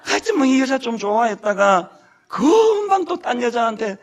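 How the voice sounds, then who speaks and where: A middle-aged man leads a sermon from the pulpit of a church sanctuary. His voice sits very high and swings widely in pitch. He tells stories about his own fears with self-mocking humor and teases the congregation as he goes. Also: sing-song, moderate pace, slight background noise. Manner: humorous self-deprecating storytelling; jokes with the congregation. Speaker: senior pastor.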